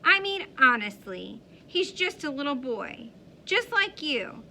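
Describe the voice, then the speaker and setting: Woman doing stern caring storybook mother, earnest scolding, bright and gravelly. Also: high voice, very animated, slow pace, a little hiss or hum, exaggerated voice.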